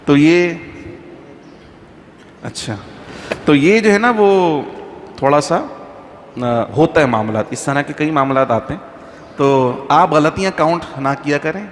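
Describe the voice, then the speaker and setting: A man, a mufti, giving an informal religious talk to a congregation in a mosque, conversational and full of anecdotes. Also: fairly high pitch. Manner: conversational, anecdotal, chants Quranic verses slowly. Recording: faint background noise, long reverb.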